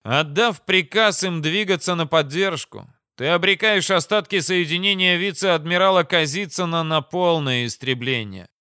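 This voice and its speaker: A man's voice: on the high side, normal speed, few pauses, smooth, no room sound, clean studio sound. A man reading an audiobook, voicing a weary male vice-admiral who bitterly refuses to sacrifice his ships. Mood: grimly firm. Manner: steady, bitter and resolute.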